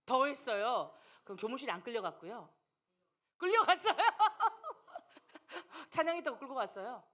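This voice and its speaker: A woman missionary preaching a sermon to young people, animated and teasing, acting out the voices of people she quotes. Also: high voice, a little slow.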